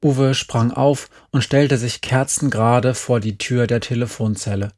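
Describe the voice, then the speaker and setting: Man, audiobook narration, dry, matter-of-fact, even middle pitch. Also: unhurried. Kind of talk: audiobook reading of a story.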